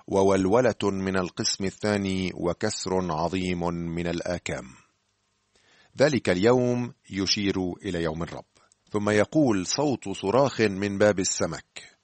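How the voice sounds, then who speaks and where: Deep-voiced man teaching scripture. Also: dry recording. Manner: measured, earnest address to the listener. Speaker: Bible teacher. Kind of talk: scripted radio Bible teaching.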